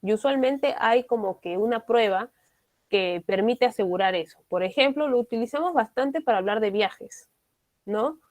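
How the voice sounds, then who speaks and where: A woman's voice: on the high side, expressive, normal speed, darkish tone. A woman, teaching an online English class. She explains step by step and often checks in with her students.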